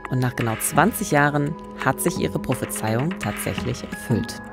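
A woman in her thirties with a rumbling low, expressive voice hosts a true-crime podcast at normal speed, heard over loud music. Speaking into a studio condenser mic with headphones in a small radio studio, she stays engaged, asking questions and reacting with surprise and interest.

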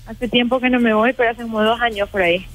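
A young woman, a café owner, joins a casual interview by phone, speaking hesitantly and mixing in English words. Her voice is a little high, steady, and fast. The phone-line audio is poor.

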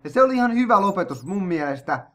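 A young man commentates a game as host. His slightly high voice is bright and forceful. He talks in an excitable, joking way and breaks into sudden loud outbursts. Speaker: gaming video host. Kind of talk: let's play commentary.

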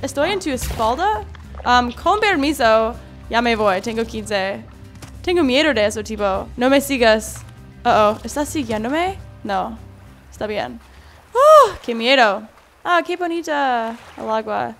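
Young woman, for relaxed gameplay commentary; high, animated delivery, talks to creatures, squeals when startled. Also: unhurried. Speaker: gaming video creator. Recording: faint background game music.

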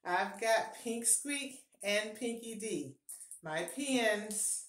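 A middle-aged woman, a personal finance vlogger, offers upbeat, encouraging budgeting tips to a fixed camera close by, often repeating her main points in a casual home vlog. Her voice is a little high, with lively intonation and drawn-out words. She's indoors in a small home bathroom, and the sound is echoey.

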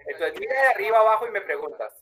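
A man teaches German in an online class over a video call, patiently drawing out each word slowly. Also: high-pitched, expressive, a bit bright, rough recording.

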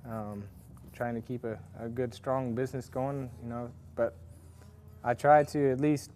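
In a workshop full of forges, a farrier instructor talks through a casual, rambling demonstration packed with fillers and restarts. His voice is mid-range and a bit mellow, with a little hiss or hum on the recording.

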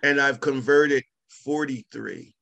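A man's voice: mid-range voice, slow pace, creaky, sharp tone. A middle-aged man who owns a carpet cleaning business, speaking casually and emphatically as a guest and repeating his key points like a salesman. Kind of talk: casual testimonial chat.

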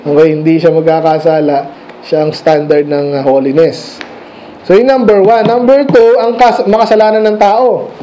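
High-voiced man preaching a conversational sermon. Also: little pitch movement, moderate pace, warm tone, a little hiss or hum, rough recording. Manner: conversational, asks the congregation questions; mixes English phrases into his speech. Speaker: pastor. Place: church sanctuary.

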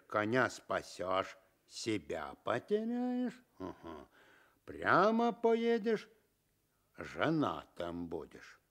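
Hemming, swooping fairy-tale prince. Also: male voice, sits low, a bit bright, full character voice. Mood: pondering. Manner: hemming, theatrical, exaggerated. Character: hesitant, boastful eldest prince of fairy tale. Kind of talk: Russian fairy tale dramatisation.

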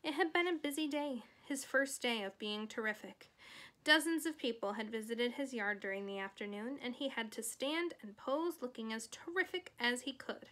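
A woman teacher reads a children's chapter book aloud to young kids. Her voice sits a bit high and sounds bright and forceful. She breaks off for casual, chatty explanations. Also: animated, normal speed.

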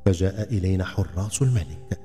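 A man narrating a folk tale in a dramatic, expressive scripted storytelling style. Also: sits low, fairly quick. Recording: long reverb, faint background music.

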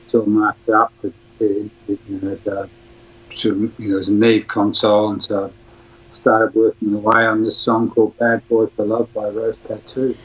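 A man's voice: fairly low pitch, level tone, normal speed, husky. An older Australian man, a music producer, reminiscing in a rambling phone interview with many restarts. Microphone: phone line. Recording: dull lo-fi phone audio.

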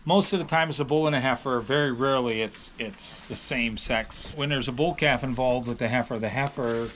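A man's voice: medium pitch, fairly quick, fairly bright tone, slight background noise. A middle-aged man, a dairy farmer, telling stories in a casual, rambling way, with many restarts. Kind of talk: casual storytelling. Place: on a farm, near calves.

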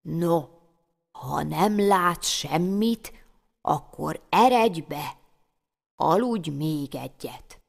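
A woman voicing a kindly, wise old woman in a storybook tale, speaking slowly in a hushed, half-whispered way. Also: low voice, lively intonation, gravelly, exaggerated voice. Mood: gentle, knowing. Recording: long hall reverb.

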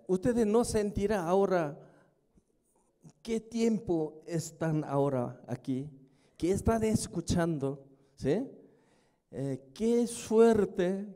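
A man whose first language is Korean, presenting a seminar in non-native Spanish, joking with the audience, chuckling often and checking in with quick questions. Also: on the high side, warm tone. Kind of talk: live seminar talk to an audience. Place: hotel event hall.

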